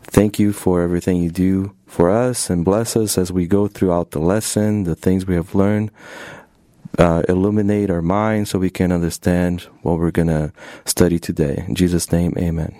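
A man's voice: deep voice, steady tone, normal speed, warm tone, no room sound, studio quality. A man from Brazil in his thirties, a doctoral student guest, speaking hesitantly with fillers, English. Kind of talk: interview and spoken prayer.

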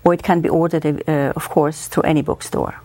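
A woman from Switzerland, a native German speaker, answers interview questions in a fairly low voice. She is thoughtful and often pauses with small fillers. The recording is very dry and close. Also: little pitch movement, warm tone, no echo. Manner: thoughtful, with many hesitations. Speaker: music professor, guest.

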